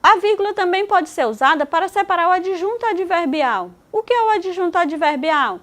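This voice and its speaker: A woman with a high voice and a Brazilian Portuguese accent teaches a distance-learning class. She explains each point slowly, reads out examples and answers her own rhetorical questions. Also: lively intonation, fairly bright tone. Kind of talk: online lecture.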